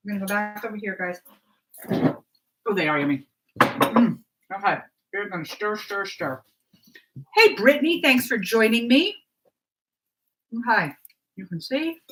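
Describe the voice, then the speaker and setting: A woman's voice: mid-range voice, noisy background. Chatty woman cooking in her kitchen. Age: middle-aged. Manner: chatty, talks to viewers while cooking. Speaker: cooking vlogger. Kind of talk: casual live cooking chat. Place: home kitchen. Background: clatter of dishes and pans.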